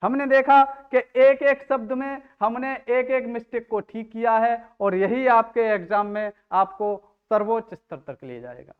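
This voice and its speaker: Very high-pitched man teaching, smooth voice. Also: unhurried, few pauses, highs cut off. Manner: quizzes himself, asks then answers. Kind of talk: spelling lesson.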